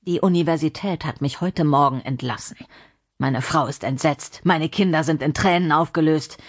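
A woman voicing a drunk, violent middle-aged man who snarls and hisses slowly in an audiobook. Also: deep voice. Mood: menacing. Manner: snarling, hissing, slow and menacing.

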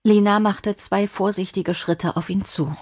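A woman narrating an audiobook in a measured, steady reading. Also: medium pitch, husky. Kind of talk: scripted narration.

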